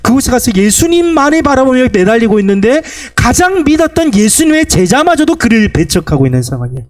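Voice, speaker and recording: A middle-aged male pastor preaching a Sunday sermon. He tells stories and keeps putting questions to his congregation. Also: sing-song. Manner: storytelling, asks the congregation questions; swings between high pleading and low drawn-out endings.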